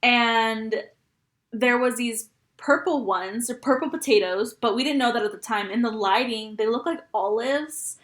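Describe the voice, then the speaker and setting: A young woman co-hosting a podcast, telling stories in a lively, laughing way and swearing casually. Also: on the high side, unhurried. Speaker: podcast co-host. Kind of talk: casual chat. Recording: echoey room.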